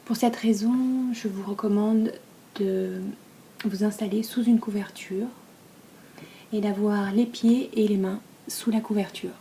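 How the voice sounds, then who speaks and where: A yoga nidra teacher from France, with a French accent, leads a guided relaxation in a soft, breathy, calm and soothing way, pausing at length between phrases. Her voice is mid-range, with a little hiss or hum in the background.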